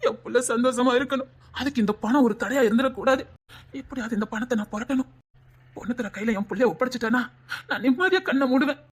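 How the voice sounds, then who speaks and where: A woman with a Tirunelveli Tamil accent, voicing an elderly father in an animated story who grieves over his daughter and keeps repeating his worries. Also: on the high side, quick pace, husky. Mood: sorrowful. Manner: sorrowful, repeating himself.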